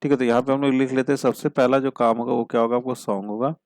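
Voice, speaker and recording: A man teaching a logic puzzle step by step, asking questions and answering them himself, and reading the problem statements slowly. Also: mid-range voice, little pitch movement, darkish tone, dry recording. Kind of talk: step-by-step puzzle-solving lesson.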